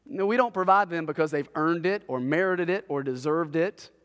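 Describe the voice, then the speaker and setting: A man preaching a sermon, telling a family story in an animated way with a sarcastic edge. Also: fairly high pitch, normal speed, smooth, big-room sound. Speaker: pastor.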